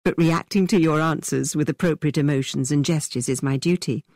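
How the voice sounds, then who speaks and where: A woman voicing a witty, playful young gentleman who teases in a mock-theatrical way. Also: low voice, brisk, no echo, studio quality. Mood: teasing.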